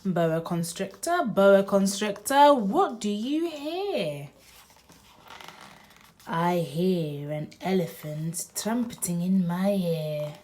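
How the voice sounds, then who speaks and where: A woman reading a picture book aloud to small children in an expressive, sing-song, drawn-out way. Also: mid-range voice, a little hiss or hum. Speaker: children's read-aloud host.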